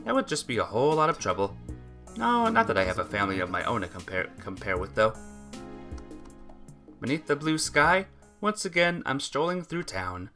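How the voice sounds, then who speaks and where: With soft music in the background, a gamer narrates a visual novel, performing character voices and now and then fumbling a word, then correcting it. The mid-range voice is bright and forceful, very animated, at a normal speed.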